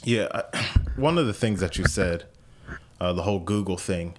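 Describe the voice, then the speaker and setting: There's background noise as a low-voiced American man in his late twenties talks at a moderate pace on his podcast. The conversation is casual, and he thinks aloud, frequently restarting and repeating.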